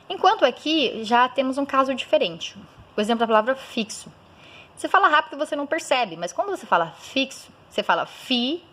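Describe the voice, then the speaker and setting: A woman teacher giving a recorded school lesson, sounding out words slowly syllable by syllable and often checking in with a quick question. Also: on the high side, fairly bright tone. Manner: frequent checking "certo?".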